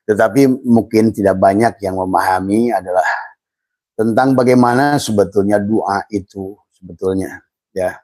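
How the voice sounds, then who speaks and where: Warm-toned and lowish, a middle-aged man's voice comes through without echo as he gives a casual talk on Islamic mysticism. He halts often, leaning on fillers and repeating words, greets listeners as friends, and talks about himself in the third person.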